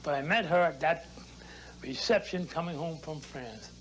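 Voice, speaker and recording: A man's voice: on the high side, moderate pace, crowd noise, poor audio. An elderly man, an old veteran remembering in an interview, plainspoken and given to short repeated phrases. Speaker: war veteran. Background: music.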